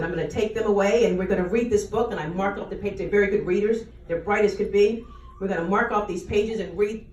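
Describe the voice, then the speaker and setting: Animated adoptive mother, storytelling delivery, roomy distant sound. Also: medium pitch. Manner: animated storyteller, laughing as she talks. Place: book launch event room. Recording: roomy sound, mic far off.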